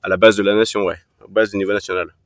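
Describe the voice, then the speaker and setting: The guest, a man in his thirties from Brittany who coaches fitness, responds informally to interview questions, full of hesitations, fillers, and restarts. He talks in a rapid-fire, flat delivery with a fairly low voice.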